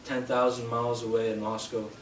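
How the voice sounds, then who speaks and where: A young man from Canada giving a live poetry reading in a bookshop, hesitant with fillers between poems and steady in his verse. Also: medium pitch, fairly quick. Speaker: poet. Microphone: distant from the mic. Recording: roomy, distant, noisy live room sound.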